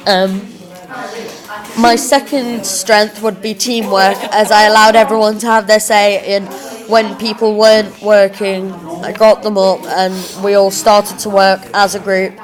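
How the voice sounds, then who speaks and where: A young woman with a slightly chavvy working-class English accent, giving an informal, halting spoken self-review as a drama student. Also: medium pitch, little pitch movement. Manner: hesitant, halting, thinking aloud. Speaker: drama student recording a reflective blog.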